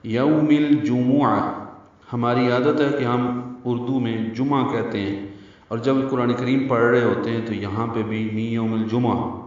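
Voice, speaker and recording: Male recitation teacher, deliberate lecture style, heard from a distance in a very echoey room. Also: medium pitch, fairly even intonation. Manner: slow, deliberate explanation, chanting example words. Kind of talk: tajweed lesson with recited examples. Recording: very echoey, distant, dull sound.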